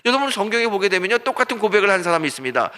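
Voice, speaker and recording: Male pastor, high bright voice, dramatic Sunday sermon delivery, drops to a hush and rises to loud peaks. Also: big pitch swings, racing. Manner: dramatic storytelling, acting out voices; swings between hushed and loud. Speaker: senior pastor.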